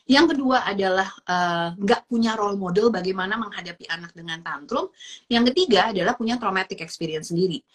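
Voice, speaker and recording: A woman explaining child emotions in a chatty, casual way, mixing in English words. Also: mid-range voice. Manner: lively, acts out little dialogues in shifting voices. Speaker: parenting educator.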